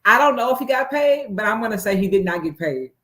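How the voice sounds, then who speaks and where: A man's voice: high voice, expressive, fast talker, sharp tone. A man reacting in a casual chat, laughing in disbelief. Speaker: guest. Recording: echoey room, faint noise.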